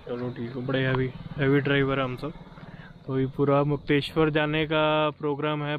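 A man's voice: mid-range voice, clear, resonant tone, dull audio. A man in his thirties, a travel vlogger, talking to a handheld camera in a chatty, upbeat, easygoing way. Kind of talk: casual travel vlog talk to camera. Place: roadside, car interior and lakeside outdoors. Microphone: handheld camera at arm's length. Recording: road and traffic noise behind.

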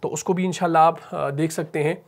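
A man's voice: on the high side, steady tone, vocal fry. Pakistani man patiently teaching Quran recitation. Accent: Pakistani Urdu. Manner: patient explaining, asks and answers own questions, chants verses slowly. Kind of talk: tajweed lesson with recitation.

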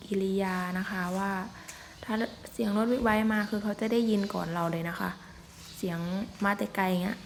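Here the elephant-filming vlogger chats casually and politely through an outdoor forest vlog, leaning on soft particles. Her mid-range voice stays steady, brisk and gravelly over a faint hiss or hum.

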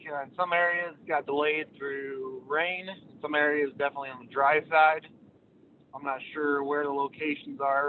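A man calling in by phone while driving on the interstate, presenting on weed control in a hesitant way with many filler sounds. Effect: phone call from a moving car. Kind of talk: informal presentation over the phone. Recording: tinny phone line with road rumble. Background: vehicle road noise.

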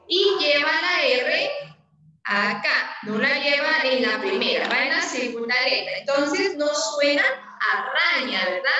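A woman teaching a preschool class, speaking slowly and patiently, stretching out sounds and often checking that the children follow. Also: high-pitched, sharp tone, dull audio. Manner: slow, patient, drawn-out teaching with many check-ins. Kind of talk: online class lesson. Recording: very echoey room, from a distance.

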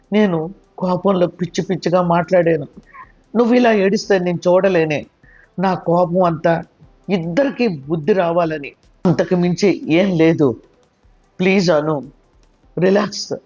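A man's voice: sits high, measured pace, pauses often, darkish tone. A man voicing Neelima, fiery young woman. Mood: pleading. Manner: scolding, urgent, pleading. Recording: dull lo-fi with faint music.

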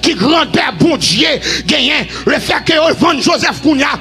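A man preaching a revival sermon in a shouted, sing-song style that falls to quieter stretches. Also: extremely high pitch, sing-song, unhurried, soft background music.

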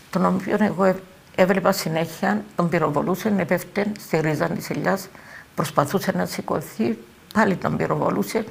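An older woman with a Cypriot Greek accent giving halting eyewitness testimony, repeating words and phrases as she talks. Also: on the low side, creaky, breathy edge. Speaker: eyewitness interviewee.

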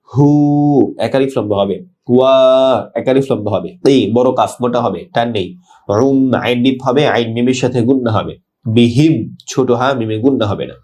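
A Bangladeshi man teaching tajweed. He recites verses slowly and drawn out, then explains each sound in quick plain speech. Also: medium pitch, a little mellow. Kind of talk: tajweed lesson, word-by-word explanation.

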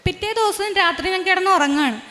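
A young woman giving a personal religious testimony in an earnest, halting storytelling manner with frequent restarts. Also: extremely high pitch, pushed and bright. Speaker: testifying believer. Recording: reverberant room.

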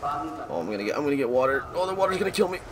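A man's voice: fairly high pitch, very animated, very fast, very noisy. A man in his twenties from Florida, chatting through live gameplay commentary and rambling as the match keeps pulling his attention. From Florida, USA. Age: 20s. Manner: rambling, easily distracted by the match. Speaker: gaming YouTuber.

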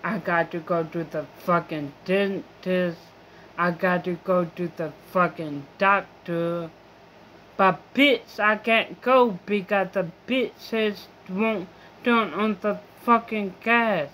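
Very slow-talking young woman venting. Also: on the low side, steady tone, fairly bright tone, a little hiss or hum. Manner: rambling, profane and complaining. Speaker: vlogger. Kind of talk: casual venting monologue.

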